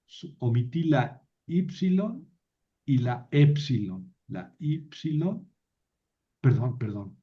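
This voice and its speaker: A man gives a slow, unhurried Greek grammar lecture. He pauses, repeats words and corrects himself as he goes. The recording sounds dull and lo-fi. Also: mid-range voice, expressive, mellow. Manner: halting, repeats and corrects himself, asks "verdad?". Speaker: teacher of biblical Greek.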